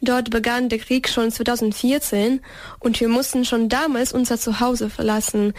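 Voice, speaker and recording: A woman's voice: fairly high pitch, steady tone, moderate pace, no echo. A teenage girl from Ukraine speaking, answering interview questions hesitantly with many fillers and restarts. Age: teens. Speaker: interview guest.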